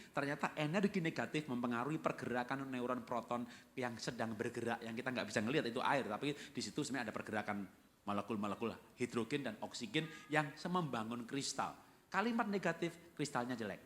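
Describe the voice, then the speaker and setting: Male pastor preaching at church, bright forceful voice, lots of questions to the crowd. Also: medium pitch. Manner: animated, folksy preaching with rhetorical questions. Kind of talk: sermon.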